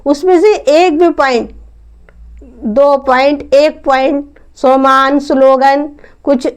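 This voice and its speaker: A woman's voice: sits high, slow. A woman speaking to followers in an earnest devotional talk, repeating her points and asking rhetorical questions. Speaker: spiritual speaker.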